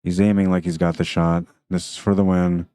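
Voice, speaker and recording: Low, flat-voiced male pool commentator. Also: brisk, no room sound. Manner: chatty, thinks aloud about shots. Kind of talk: casual play-by-play commentary.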